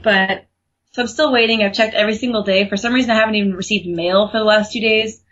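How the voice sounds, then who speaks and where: A woman's voice: medium pitch, steady tone, fast talker, fairly bright tone. A young woman co-hosting a podcast in casual chat, talking freely with lots of fillers and laughs. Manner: chatty, laughs often, many fillers. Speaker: podcast co-host. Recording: muffled lo-fi recording.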